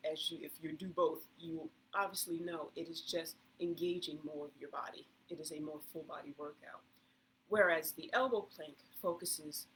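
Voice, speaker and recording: Casual fitness instructor, mid-pitched voice, faint background noise, talks through each move, encouraging. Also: fairly bright tone, rough recording. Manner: encouraging, reassuring.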